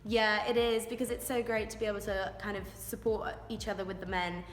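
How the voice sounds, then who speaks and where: Fairly quick and flat, her mid-range voice carries chatty, eager replies in an interview. She's a young Welsh rugby scrum-half speaking informally. Music plays behind her in an echoey hall with long reverb.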